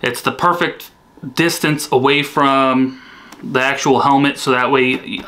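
A man in his thirties casually reviewing motorcycle camera gear, talking in a relaxed, rambling way with lots of fillers. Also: mid-range voice. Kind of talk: casual product review vlog. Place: indoor room, then outdoors in a yard by a motorcycle.

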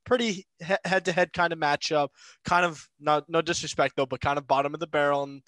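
A man's voice: fairly high pitch, steady tone, brisk, fairly bright tone, no room sound. A young man chatting candidly about a game as a guest, speaking into a gaming headset mic at home. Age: young adult. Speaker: guest analyst. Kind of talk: sports recap chat. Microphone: gaming headset with boom mic.

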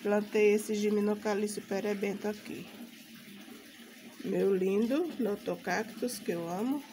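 A Brazilian woman with a mid-pitched voice, recovering from the flu, talks casually as she gives a show-and-tell. She is recorded outdoors in a home garden on a handheld phone. A faint noise like running water sits behind her voice. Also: fairly even intonation, unhurried. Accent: Brazilian Portuguese. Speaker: gardening vlogger.

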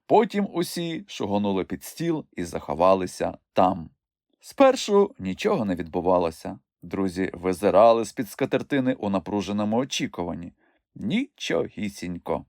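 A man narrates a children's storybook with a lively, sweeping intonation. He is recorded on a studio mic and sounds close and dry. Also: deep voice, normal speed, no room sound. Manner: expressive, storytelling. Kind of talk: audiobook narration.

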